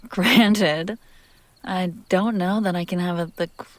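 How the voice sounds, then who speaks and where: Playing a teasing, possessive demon in a scripted intimate audio piece, this woman speaks with a fairly low voice that stays close to how she'd normally talk. Her phrasing is drawn out and theatrical, sliding toward whispers, with no room sound. She sounds puzzled and exasperated.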